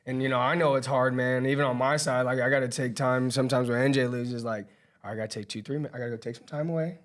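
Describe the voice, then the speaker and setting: A man's voice: medium pitch, steady tone, fast. Rambling, swearing man in casual chat. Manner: rambling, swears, many fillers like "bro". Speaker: wrestling coach, host.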